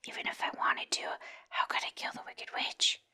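A woman's voice: moderate pace, close to an everyday voice. A woman voicing an earnest, meek little storybook girl in a plaintive whisper. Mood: sorrowful. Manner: plaintive, simple.

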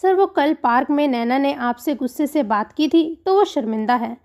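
A woman's voice: high voice, animated, normal speed, darkish tone. Woman doing a mischievous young woman prankster. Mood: playful. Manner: teasing and sweetly innocent-sounding.

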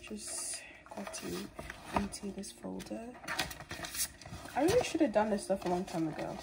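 Heavy background noise surrounds a teen girl's gravelly, mid-range voice as she chats a little slowly with lively intonation. She's filming a casual day-in-my-life vlog in her small bedroom, rambling with plenty of filler words into a phone propped nearby.

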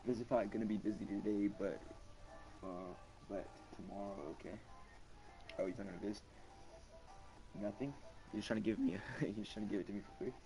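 Young streamer with a gravelly voice. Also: male voice, lowish voice, a little fast, long pauses. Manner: hyped, slangy, reads chat aloud. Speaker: gaming streamer. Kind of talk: casual live-stream chat. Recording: distant mic under loud game music. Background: loud game music.

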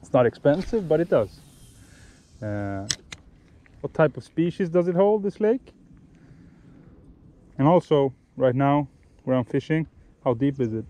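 A young fishing vlogger by a lake gives casual instructions while fishing, relaxed and explanatory with frequent restarts and self-corrections. His mellow voice sits on the high side, unhurried with frequent pauses, over slight hiss or hum.

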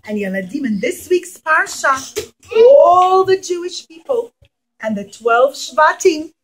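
Storytelling for young children in an indoor classroom, a middle-aged woman preschool teacher relies on simple, emphatic, repetitive phrasing. Her high voice swings widely in pitch at a slow pace, on a low-quality recording.

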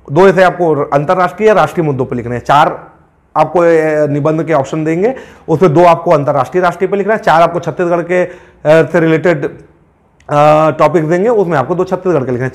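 A man teaching an exam-prep class in a conversational lecture style, often stopping to check that students follow. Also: fairly high pitch. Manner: conversational, checks understanding with frequent asides.

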